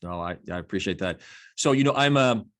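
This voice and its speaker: A man's voice: fairly low pitch, lively intonation, brisk, a bit bright. A man in his fifties with a New Jersey accent, a physician guest talking eagerly in a casual interview and fond of rhyming catchphrases.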